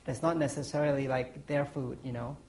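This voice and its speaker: A man's voice: mid-range voice, fairly even intonation, fairly quick, creaky, darkish tone, rough recording. Man from Thailand, 40s, pastry chef on a panel stage; meandering, filler-heavy answers. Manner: rambling, many ums and restarts, chuckles. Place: conference stage.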